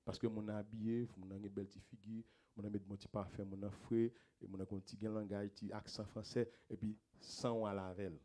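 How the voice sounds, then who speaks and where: A man with a Haitian accent preaching a sermon as pastor, swinging between loud emphatic phrases and quiet low asides, with repeated rhetorical questions to the congregation. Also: level tone, a little fast.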